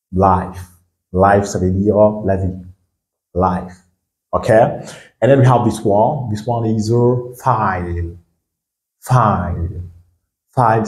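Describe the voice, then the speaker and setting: A man from Guinea, an English teacher, giving a bilingual lesson, repeating words slowly and often checking whether his students understand. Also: lowish voice, darkish tone, echoey room.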